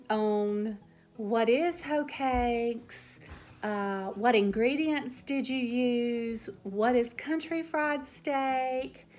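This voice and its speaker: A woman from the American South talks unhurriedly to her viewers, her soft drawl stretching the words out. Her voice sits a little on the high side, and she talks like she is telling a story at the kitchen table. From Southern United States. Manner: gentle, slow, warm storytelling drawl. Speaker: cooking channel host. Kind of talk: casual chat to viewers.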